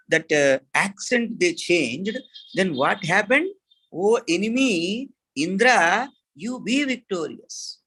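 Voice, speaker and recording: Indian english guy teaching sanskrit, really slow, keeps restarting, kinda gravelly. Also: sits high, a bit bright, rough recording. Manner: slow, halting delivery with many fillers and restarts. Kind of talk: online class lecture.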